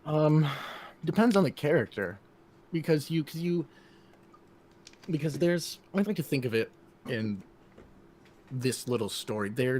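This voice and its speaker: Animated male voice actor chatting. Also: on the low side, a little hiss or hum. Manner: animated, jumps in and out of character voices. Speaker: voice actor guest. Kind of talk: casual podcast chat.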